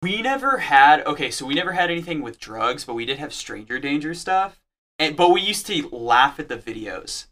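A man's voice: on the high side, sing-song, moderate pace, sharp tone, a little hiss or hum. A man co-hosting a casual podcast, teasing his partner and laughing often. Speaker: podcast co-host.

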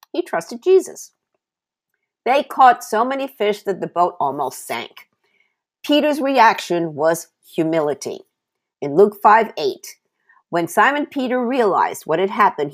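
A woman with a lowish voice hosts a Bible teaching podcast, telling its stories in an animated way and dropping in conversational asides.

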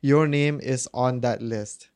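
Brief: male host, mid-pitch, dry close mic, measured and deliberate questioning. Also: clean tone, dry recording. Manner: warm-up questions, slow deliberate emphasis. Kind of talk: casual interview chat.

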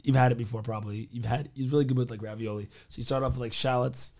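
A man's voice: mid-range voice, fast, gravelly. A man who is a guest on a podcast, chatting casually, laughing often and telling stories with energy. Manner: laughs often, animated storytelling. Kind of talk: casual chat.

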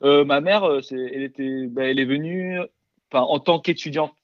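A man's voice: medium pitch, normal speed, dry recording, dull audio. A young man from South Korea, a guest in a casual interview, talking hesitantly with many fillers and restarts.

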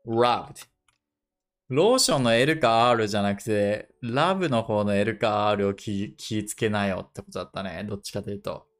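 A man hosting a casual dictation lesson. He thinks aloud and repeats English phrases slowly to check how they sound. His first language is Japanese. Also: fairly low pitch, soft background music. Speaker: podcast host leading a dictation session.

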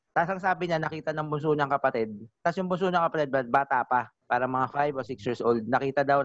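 A man co-hosting a casual podcast chat, telling stories in an animated way and laughing often. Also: medium pitch, no room sound. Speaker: podcast co-host. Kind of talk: casual drinking-session chat. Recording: dull, dry lo-fi audio.

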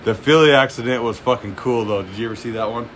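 A man's voice: medium pitch, fast, a little hiss or hum. A man co-hosting a casual podcast chat, swearing freely, laughing often and retelling comedy bits. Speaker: podcast co-host.

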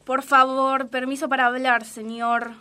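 Nervous pregnant argentine factory girl, high voice, asks permission to speak. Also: flat delivery, unhurried, bright, forceful tone. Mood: pleading. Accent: Argentine Spanish. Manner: polite and pleading with bosses, blunt with friends. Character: young woman factory worker, pregnant, timid. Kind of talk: comic audio sketch acting.

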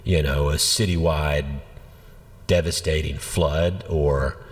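A low-voiced man speaks as a pastor in an easygoing, conversational way. His voice sits well down in pitch, and a long reverb trails behind it. He tells things with an animated storyteller's energy. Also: slow pace. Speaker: senior pastor. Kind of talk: conversational church podcast teaching.

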